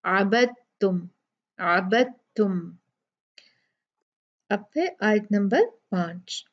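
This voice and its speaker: A woman teaches recitation in a slow, unhurried way, going over each rule patiently with repeated examples. Her voice sits fairly high. The recording is dull and lo-fi. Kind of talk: tajweed lesson.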